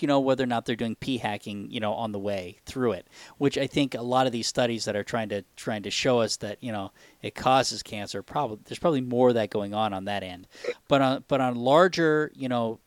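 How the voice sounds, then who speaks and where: Podcast guy rambling and restarting a lot, kinda squeaky voice, dry close sound. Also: fairly quick, dry recording. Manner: rambling, restarts often, laughs easily. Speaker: podcast host. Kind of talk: casual podcast chat.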